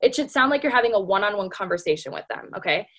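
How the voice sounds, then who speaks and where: Fast and fairly bright in tone, a woman with an expressive mid-range voice gives her sales team a casual motivational talk. She chats freely, leaning on "like" and "you know" and calling her listeners "you guys."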